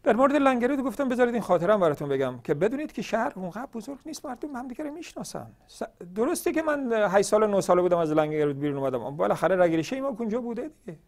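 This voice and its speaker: Gravelly, animated man, rhetorical and emphatic. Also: high-pitched, hardly any pauses. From northern Iran. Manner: emphatic and argumentative, full of rhetorical questions. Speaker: host of a religious question-and-answer program. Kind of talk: televised polemical monologue.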